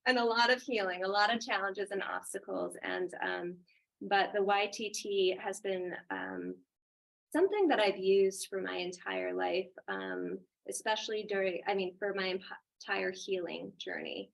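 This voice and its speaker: A woman with a creaky, fry-edged voice at a middle pitch hosts an online yoga session. She is informal and upbeat, speaking casually as a teacher would to students. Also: sing-song, a little slow, poor audio. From Germany. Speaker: yoga webinar host and teacher. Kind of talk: casual presenting and personal storytelling.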